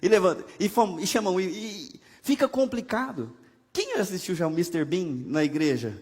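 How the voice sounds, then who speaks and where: A pastor with a Brazilian Portuguese accent preaches in a church sanctuary, his voice sitting high, animated, darkish, and a bit breathy at a moderate pace. The sermon is conversational and funny, packed with rhetorical questions, and the church gives it a long hall reverb.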